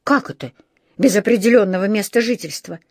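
A woman's voice: on the high side, animated, normal speed, dry recording, clean studio sound. A woman doing a stern scolding housekeeper. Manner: forceful, scolding. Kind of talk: storybook reading.

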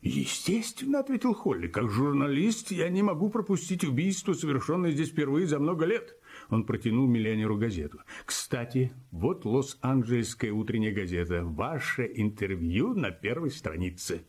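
A man playing a kindly, soft-spoken middle-aged journalist. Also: mid-range voice, very animated, moderate pace, husky.

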